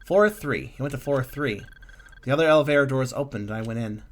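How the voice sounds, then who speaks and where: A man reading a text game aloud with a calm, musing delivery and small slips and asides. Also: medium pitch, fairly quick, a little hiss or hum.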